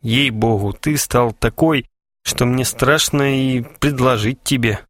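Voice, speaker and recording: A man's voice: mid-range voice, slow, a bit bright, no room sound. A man voicing a moody, jealous young man who has just come into money, speaking in an earnest, brooding way. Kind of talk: audiobook character voice.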